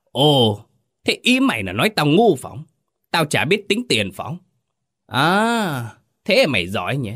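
A man voicing a cruel, greedy old village chief who sneers and shouts threats. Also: medium pitch, very animated, moderate pace. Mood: threatening.

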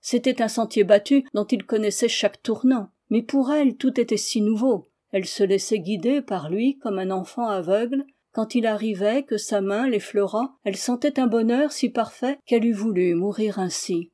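A woman narrating a classic novel in a measured, expressive reading. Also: medium pitch.

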